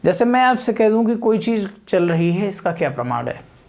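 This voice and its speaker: A man with a high, sing-song voice that is gravelly yet a little mellow lectures at a moderate pace as a physics teacher. In this exam coaching session he repeats key terms, poses rhetorical questions, mixes in English technical words and uses everyday examples.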